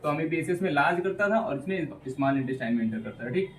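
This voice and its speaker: A male biology teacher talks through exam material, drilling each term and checking in after nearly every sentence. He slows right down to read English textbook phrases word by word. His voice sits back from the mic in a roomy space with a faint hum of ambience. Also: a little high, animated, far from the mic. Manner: repeats "theek hai" constantly, drills key terms. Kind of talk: exam-prep lecture.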